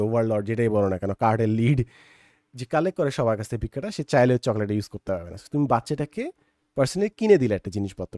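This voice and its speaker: A Bangladeshi man hosts a reflective, conversational monologue in Bengali sprinkled with English, speaking directly to the listener. His mid-range voice is a little mellow, and the recording is dry, studio-quality, with no room sound.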